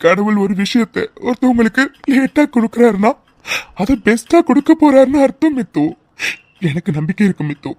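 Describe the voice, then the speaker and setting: A devoted young husband from a cartoon drama, voiced by a woman, speaks in a fairly high voice, tender and pleading. The sound is close and completely dry, with no room around it. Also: animated, fairly quick, a little mellow, dry recording. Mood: tearful tender. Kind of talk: tearful cartoon drama voice acting.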